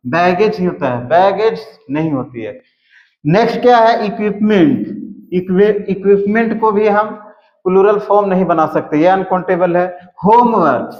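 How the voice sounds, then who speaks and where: A man teaching English grammar, explaining slowly and repeating words as he writes out examples. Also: high voice. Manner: slow, repeats words while writing examples. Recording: echoey room, dull lo-fi sound.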